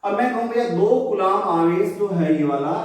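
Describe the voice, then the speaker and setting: A man's voice: high voice, expressive. Echoey distant male physics teacher. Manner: asks the class questions and answers them himself; slows down and stretches out key phrases. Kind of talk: classroom lecture. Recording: very echoey room, distant from the mic.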